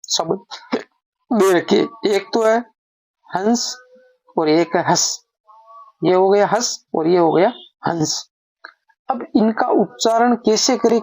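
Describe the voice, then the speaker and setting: Gravelly man teaching grammar. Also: high voice, darkish tone, no room sound. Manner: patient, asks then answers own questions. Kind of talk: explaining lesson while writing. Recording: dull lo-fi recording.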